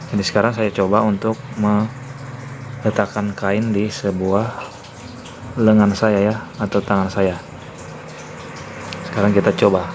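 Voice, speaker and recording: Low-voiced man explaining a phone app. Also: background noise. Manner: plain explanatory, repeats "ya, teman-teman" fillers. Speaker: tutorial channel host. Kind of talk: phone app tutorial walkthrough.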